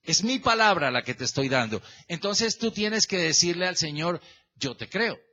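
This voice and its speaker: A man's voice: high-pitched, moderate pace, slight background noise. A male pastor preaching a sermon, questioning the congregation and calling on members by name as he works through a verse. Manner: lively and animated, stretching the verse phrase by phrase.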